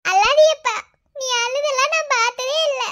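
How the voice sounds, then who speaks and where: A woman's voice: moderate pace, fairly bright tone. A woman voicing a devoted young village daughter in a cartoon, speaking with a Madurai Tamil accent in an emotional, pleading way. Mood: tearful. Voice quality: very high, girlish. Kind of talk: cartoon voice acting.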